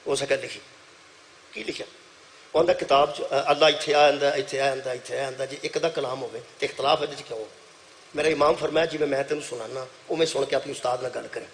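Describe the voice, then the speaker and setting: A middle-aged man with a Punjabi accent preaching a sermon at a religious gathering, telling a story that swings between loud declaiming and soft asides, repeating phrases for effect. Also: mid-range voice, steady tone, a little hiss or hum. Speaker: Shia cleric preaching at a majlis. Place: religious gathering before an audience.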